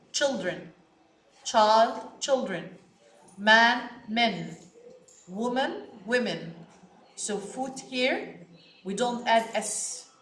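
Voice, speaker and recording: An Egyptian woman whose first language is Arabic teaches English vocabulary to children, repeating each word slowly and stressing it. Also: fairly high pitch, a bit bright, reverberant. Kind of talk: slow classroom vocabulary lesson.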